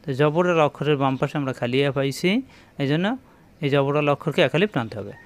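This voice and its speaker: A man teaching Quran reading, sounding out syllables slowly and repeating them, speaking directly to his viewers. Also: a little high. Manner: slow, drawn-out demonstration of letter sounds, repeating syllables; addresses viewers directly with instructions. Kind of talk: spoken Quran reading lesson.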